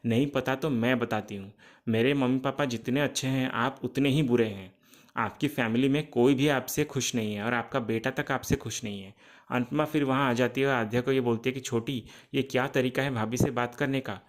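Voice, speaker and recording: A man's voice: mid-range voice, steady tone, normal speed. A man narrating a TV serial recap in a casual tone, reporting each character's lines in turn, with occasional restarts mid-word.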